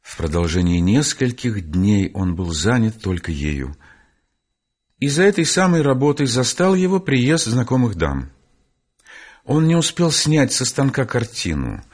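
Brief: male audiobook narrator, mid-range voice, steady and measured classic-literature reading. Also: medium pitch, husky.

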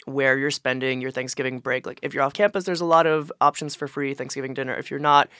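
A man's voice: mid-range voice, steady tone, fast, pushed and bright, clean tone, dry recording. Informal young man co-hosting, dry sound. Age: young adult. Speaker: podcast co-host. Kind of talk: casual chat.

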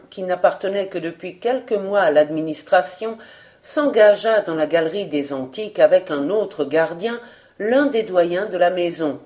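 Woman audiobook narrator, low register, mellow tone, steady storytelling.

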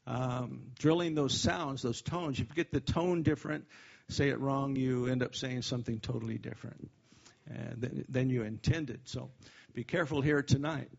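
A man preaching at a church service, his voice gravelly and husky. He talks in a folksy, joking way, dropping amens and praise Gods between points. The recording is dull and lo-fi. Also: medium pitch, normal speed. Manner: folksy, joking, peppered with "amen" and "praise God". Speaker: missionary preacher. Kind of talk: sermon.

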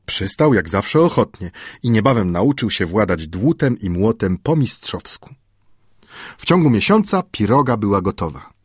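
A man reading an audiobook chapter in a measured, old-fashioned storytelling manner. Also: lowish voice, big pitch swings, slightly rough, no room sound, clean studio sound. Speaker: audiobook narrator. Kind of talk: scripted audiobook narration.

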